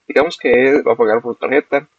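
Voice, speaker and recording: A young man, a student walking through a screen-recorded software demo step by step and correcting himself as he goes. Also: medium pitch, fairly even intonation, brisk, husky, no echo. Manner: explains step by step, self-corrects. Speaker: student presenting a project. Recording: dull, lo-fi dry recording.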